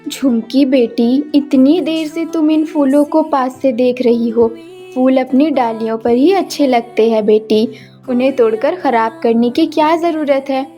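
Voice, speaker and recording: Woman doing a motherly cartoon mom, warm scolding tone, low-ish for her, music underneath. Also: unhurried. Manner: motherly, soothing, gently chiding. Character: caring middle-aged mother, gentle and scolding. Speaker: voice actor. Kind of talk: dubbed cartoon acting. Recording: with background music.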